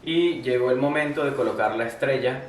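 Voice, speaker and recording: A Venezuelan man with a Venezuelan Spanish accent, chatting casually as a vlogger in a relaxed, rambling way. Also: mid-range voice, fairly quick, roomy sound, music in the background. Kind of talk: casual chat.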